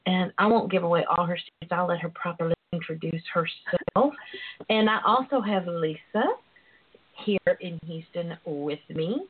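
A woman's voice: on the low side, moderate pace, husky. A woman with a Southern US accent hosting a radio talk show, chatting in a casual, bawdy, playful and sassy way. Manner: playful, sassy, calls listeners pet names. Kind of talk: casual, bawdy girls'-night chat. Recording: muffled internet phone-in radio sound.

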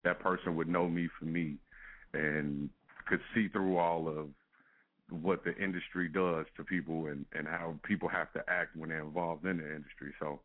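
On a phone-line call, a man who is a music artist guest speaks at a moderate pace in an extremely low voice with fairly even intonation. His manner is laid-back and full of laughter and fillers like "you know what I'm saying."

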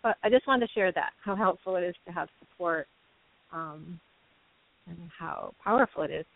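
A woman calling into a radio show over the phone, speaking haltingly with many pauses and fillers. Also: lowish voice, vocal fry. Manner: halting, with many ums and sighs. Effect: caller heard over a phone line on a radio show. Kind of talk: casual call-in sharing. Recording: tinny dry phone line.

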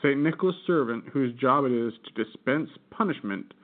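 A man's voice: medium pitch, lively intonation, moderate pace. Casting: American guy, podcast co-host, rambling laughing storyteller, thin phone-line sound. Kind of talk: casual chat. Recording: tinny phone-like audio.

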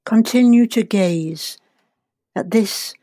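A woman leading a guided relaxation and visualization in a calm, soothing, deliberate way, leaving long pauses. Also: mid-range voice, no room sound, clean studio sound. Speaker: guest leading a guided meditation.

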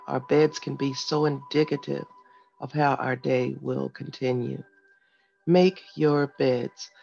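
Creaky-voiced man guiding listeners, music behind. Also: medium pitch. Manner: addresses listeners directly in short, instructing phrases. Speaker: host of a morning wellness segment. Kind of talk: guided breathing meditation and motivational talk. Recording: dull lo-fi sound with music behind.

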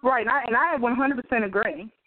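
A woman's voice: on the high side, fast talker. Woman on a tinny phone line. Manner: agreeable, short replies, hesitant fillers. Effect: heard over a phone line. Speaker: writer on a call. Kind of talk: casual call. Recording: tinny call line with faint noise.

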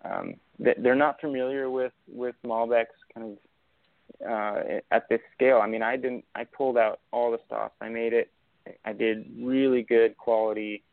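A man's voice: mid-range voice, fairly even intonation, normal speed, gravelly, dry recording. A young man from Argentina, a winemaker guest, talking casually and rambling with many fillers and restarts over a thin, phone-like line. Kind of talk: casual interview chat. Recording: tinny phone-like line, dry.

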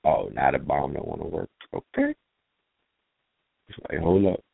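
A man in his forties hosting a radio talk show, speaking in a relaxed, laid-back way with drawn-out phrasing. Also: a bass voice, vocal fry, slightly rough, no room sound. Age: 40s. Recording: dry phone-line call audio.

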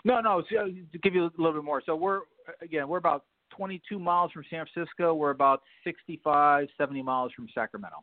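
A man's voice: on the high side, quick pace. Man, club owner guest, explanatory, restarts sentences, phone-line sound. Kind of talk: casual interview chat.

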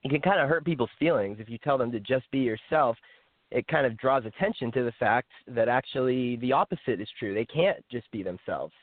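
A man's voice: medium pitch, expressive, brisk, no room sound. Young guy chatting frank and easy, sounds like a dry phone line. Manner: frank, chatty, with small laughs. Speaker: author and guest. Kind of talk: casual interview talk.

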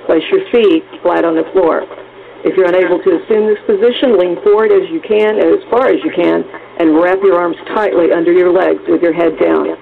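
A man's voice: sits high, fairly even intonation, brisk, vocal fry, narrow, tinny audio. A man voicing a dutiful male senior flight attendant who reads cabin announcements in a formal, reassuring way.

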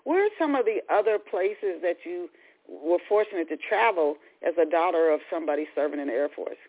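A woman hosting a radio interview, talking in a halting way and often repeating her words. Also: on the low side, animated. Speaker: radio show host. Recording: tinny phone-like radio sound.

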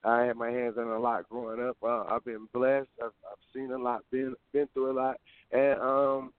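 A man with a Southern US accent chats as an interview guest, reflective and folksy, often feeling his way through a thought. His voice sits at a middling pitch. The sound is narrow and phone-like, with no room around it. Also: flat delivery, normal speed, clear, resonant tone, no echo. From Georgia, US South. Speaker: interview guest, boxer and former dancer. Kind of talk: casual interview chat. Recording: tinny, dry phone-like radio sound.

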